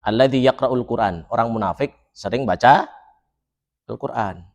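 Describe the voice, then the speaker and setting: A man's voice: medium pitch, normal speed. A man preaching in a mosque, quizzing his listeners and joking, reciting Arabic phrases and then explaining them. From Solo, Central Java. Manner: lively, jokes and quizzes the congregation. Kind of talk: mosque sermon.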